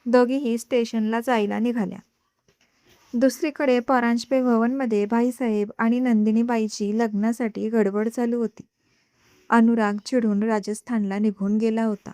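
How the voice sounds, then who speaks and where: A woman reads a serial love story aloud into a close microphone, with no room sound around her. Her voice sits fairly high for a woman. She voices all the characters herself, giving the dialogue a bit more lift than the narration. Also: steady tone, moderate pace, mellow, no room sound.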